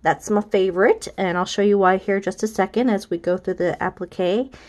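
A woman's voice: mid-range voice, brisk, darkish tone. A friendly American woman talks through a quilting block step by step, chatty and enthusiastic. She speaks in a casual teaching tone, pointing things out as she goes. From United States. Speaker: quilting instructor. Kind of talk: casual how-to walkthrough.

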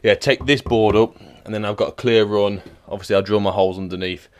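A man's voice: fairly low pitch, steady tone, a little fast, darkish tone, highs cut off. A man, an electrician, chatting casually and dryly as he explains his work in a house. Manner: chatty, dry, explains as he works. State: out of breath at times. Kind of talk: casual work vlog narration. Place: house being rewired, indoors.

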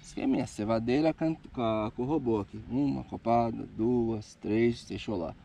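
A Brazilian man in his thirties hosts a casual fishing vlog outdoors by a lake, speaking with a Brazilian Portuguese accent. His voice is medium-pitched and creaky at a normal speed, and his chatty play-by-play breaks into bursts of excitement while he fights fish.

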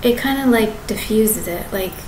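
A woman in her thirties talks directly to camera in a rambling, halting vlog, often restarting and correcting herself. Her voice is fairly high and a little mellow, picked up by a desk-distance webcam in an echoey apartment living room with the kitchen behind and background noise.

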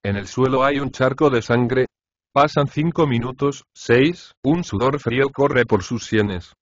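A man reading a short story aloud as an audiobook narrator, in a steady, plain manner. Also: mid-range voice, unhurried. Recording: dry, slightly dull audiobook recording.

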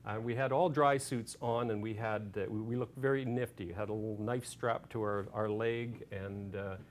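A man giving a public talk as an author, telling a field anecdote with lots of fillers and restarts, from Canada. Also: fairly low pitch. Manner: halting anecdote, many fillers, gets animated and loud retelling shouts.

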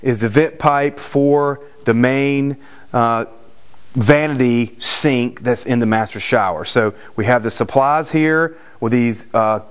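Clear-voiced contractor man explaining on site. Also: medium pitch, takes it slowly. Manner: casual, explanatory, frequent restarts and fillers. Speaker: general contractor. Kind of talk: on-site construction walkthrough. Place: unfinished house interior with bare stud walls.

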